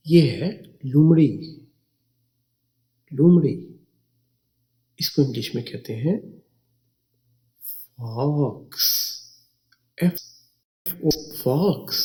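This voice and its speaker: A man teaching English words slowly, spelling each one letter by letter and repeating it. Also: medium pitch, darkish tone. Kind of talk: slow spelling and pronunciation lesson.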